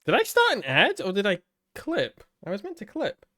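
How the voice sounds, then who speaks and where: A man's voice: high-pitched, wildly swooping pitch, moderate pace, pushed and bright, dry recording, clean studio sound. A man giving playful, informal commentary while playing a video game. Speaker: gamer hosting a playthrough.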